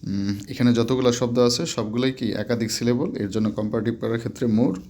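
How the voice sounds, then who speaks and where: A man teaching English grammar in Bengali, going through examples slowly and repeating each word form step by step. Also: mid-range voice, steady tone, a little mellow. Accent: Bangladeshi Bengali. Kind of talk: explaining a lesson step by step.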